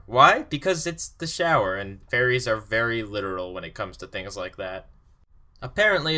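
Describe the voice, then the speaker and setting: A man's voice: medium pitch, pushed and bright. A man of about twenty reviewing a cartoon episode in an exasperated, sarcastic rant.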